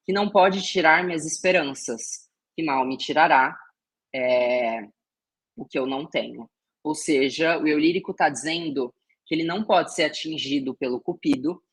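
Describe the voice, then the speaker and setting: A man's voice: a little high, breathy edge. A man with a Brazilian Portuguese accent, teaching a literature class and explaining step by step, often checking in with his students. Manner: explanatory, peppered with "né" and "tá" check-ins. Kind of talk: recorded exam-prep class.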